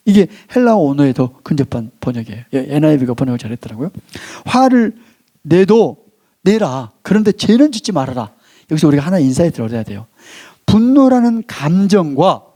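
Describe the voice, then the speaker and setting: A male pastor giving a sermon in a church, his voice pitched a bit high with lively rises and falls. His tone is mellow and warm. He draws out key phrases slowly, then lets his voice sink, and he has the congregation read along with him. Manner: leads the congregation in call-and-response reading.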